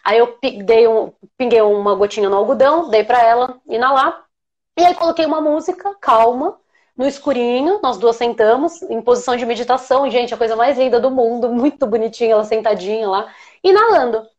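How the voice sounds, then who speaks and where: A woman with a Brazilian Portuguese accent, an aromatherapist hosting a live chat, talking in an animated, emotional way. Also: fairly high pitch, brisk, muffled recording. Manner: animated, emotional, laughs while telling. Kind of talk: casual live chat storytelling.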